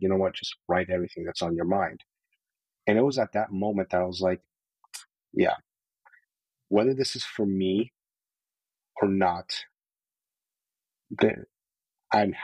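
Man, very deep voice, husky, candid storytelling, dry close sound. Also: darkish tone, no echo, poor audio. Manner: earnest, open, many filler "like"s. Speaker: podcast guest, sales leader.

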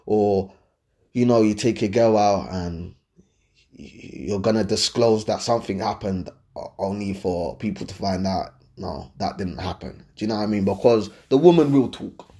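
A man with a London accent chats casually to viewers in a lowish, mellow voice at a moderate pace. He's a host offering dating and lifestyle advice, sharing his opinions in slangy, conversational language and often checking that viewers follow him.

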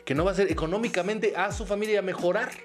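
A man with a Mexican accent in casual comedic chat, animated, slangy and full of swearing. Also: high voice, quick pace, over music.

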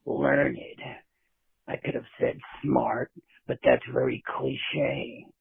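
A man with a gravelly voice leaving a pompous, self-satisfied voicemail over a phone line. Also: medium pitch, big pitch swings, takes it slowly, no room sound. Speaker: caller.

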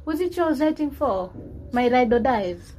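Kenyan woman podcast co-host, high voice, conversational, mixes English with Swahili slang. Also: lively intonation, normal speed, dark tone, slight background noise, low-quality recording. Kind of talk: casual chat, mixing English and Swahili slang.

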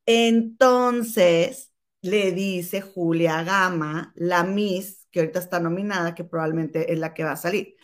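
A woman in casual gossip chat, animated and calling her listener comadre. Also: fairly low pitch, measured pace. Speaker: co-host.

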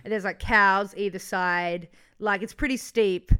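An Australian woman co-hosting a podcast, telling a long story in casual chat, animated and swearing freely. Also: mid-range voice, a little slow, clear, resonant tone. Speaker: podcast co-host.

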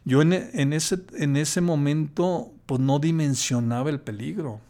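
Older guy telling his story slow, lots of stops and restarts. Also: a little high, warm tone. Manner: hesitant, halting, with many restarts. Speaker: podcast guest. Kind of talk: personal storytelling.

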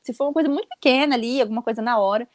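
A woman in her thirties with a Brazilian accent, co-hosting a casual chat and telling stories in a quick, emphatic, animated way. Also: a little high, no echo, studio quality. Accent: Brazilian Portuguese. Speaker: podcast co-host.

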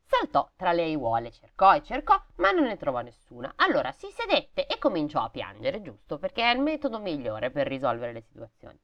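A woman's voice: low-pitched, huge pitch swings, a little fast, hardly any pauses, a bit bright, highs cut off. Sarcastic woman reading a fairy tale. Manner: sarcastic, swears freely, breaks off to comment. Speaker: storybook reader.

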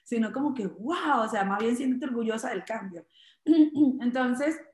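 Lively woman comedian in an echoey room. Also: fairly high pitch, normal speed. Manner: animated, laughs often, acts out quotes. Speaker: stand-up comedian, guest. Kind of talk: casual interview storytelling.

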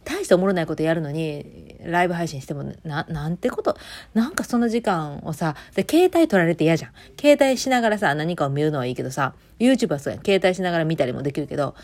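Fast-talking Kansai woman, chatty. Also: low-pitched, lively intonation, darkish tone. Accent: Kansai Japanese. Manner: rambling and chatty, many fillers and asides. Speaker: podcast host. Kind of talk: casual solo chat.

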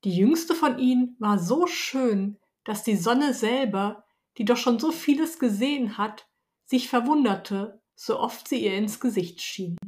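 A woman narrates a fairy tale for a podcast, calm and even. Her voice sits a little high. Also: measured pace. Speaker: podcast co-host and storyteller.

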